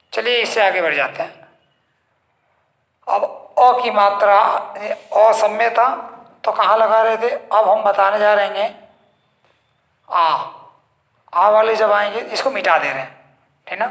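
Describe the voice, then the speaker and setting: A man's voice: high voice, vocal fry, a bit bright. A man teaching young children to spell words in English, sounding out each word letter by letter and repeating it. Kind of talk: slow spelling lesson for children. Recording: echoey room.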